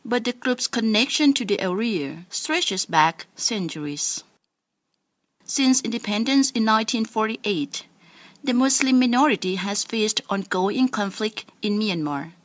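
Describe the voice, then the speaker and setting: A woman radio reporter narrating a scripted news report in a calm, even way. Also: a little high, measured pace.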